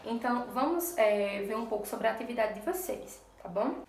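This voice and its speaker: A woman's voice: a little high, lively intonation, normal speed, gravelly, echoey room, distant mic, slight background noise. A woman teaching a lesson to young children in a recorded remote class, patient and step by step, often checking in with the class. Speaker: primary school teacher.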